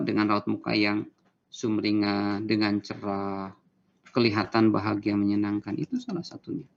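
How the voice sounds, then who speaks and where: A man's voice: lowish voice, vocal fry, a little mellow, lo-fi sound. A male university lecturer giving a recorded online lecture, explaining points with everyday examples. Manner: explanatory, gives everyday examples, acts out short quotes.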